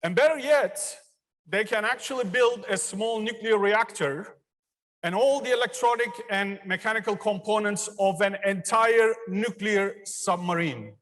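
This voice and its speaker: A man's voice: high-pitched, a bit bright. A man in his fifties from Turkey, an engineering professor giving an earnest, personal commencement speech in a large theater. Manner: earnest, personal storytelling with pauses. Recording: long reverb of a large hall.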